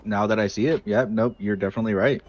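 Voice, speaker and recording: A man's voice: lowish voice, fairly even intonation, quick pace, darkish tone, slight background noise. A man in casual game role-play as a burger shop worker, talking in laid-back, dude-heavy slang. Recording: slightly dull, lo-fi voice chat.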